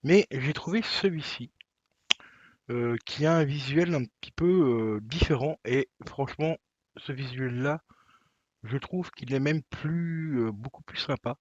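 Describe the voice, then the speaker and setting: A man's voice: mid-range voice, no room sound, lo-fi sound. A man casually presenting a vinyl record unboxing to his viewers, hesitant, with many fillers. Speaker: vinyl collector vlogger.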